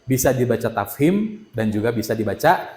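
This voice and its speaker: A young Indonesian man teaches a primary school religion class, drilling the pupils through call-and-response in an echoey classroom. His mid-range voice is animated and brisk, with a darkish tone.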